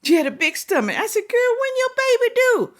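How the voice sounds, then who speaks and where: Hosting a reaction video, a woman with a very high-pitched voice talks casually but scolds animatedly, stretching out her exclamations.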